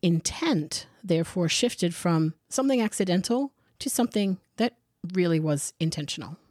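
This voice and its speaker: Female podcast co-host on the lower side, dry studio sound, sarcastic and plain-spoken true crime storytelling. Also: expressive, moderate pace, a little mellow, dry recording. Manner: blunt, sarcastic, sweary. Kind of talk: true crime narration with casual banter.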